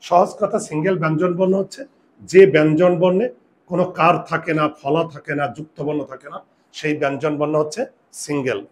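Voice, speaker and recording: A man teaching a grammar lesson, explaining step by step, asking his students questions and saying example words very slowly. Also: fairly high pitch, steady tone. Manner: drawn-out slow example words. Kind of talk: classroom pronunciation lesson.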